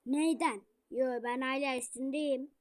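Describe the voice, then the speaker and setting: A young woman chatting while playing a game with a friend, bossy, teasing and excitable, full of slang. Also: high voice, measured pace. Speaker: gamer. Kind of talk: casual gaming banter.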